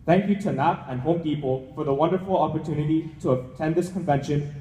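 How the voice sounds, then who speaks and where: A man's voice: fairly high pitch, a little fast, warm tone, slight background noise. A young man with a Hawaiian accent giving a prepared, formal speech as a student. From Hawaii, United States. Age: young adult. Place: large indoor event hall. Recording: echoey hall with long reverb.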